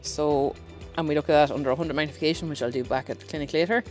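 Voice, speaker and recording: A woman's voice: low-pitched, steady tone, very fast, a little mellow, soft background music. A woman with an Irish accent, a farm vet explaining a procedure step by step.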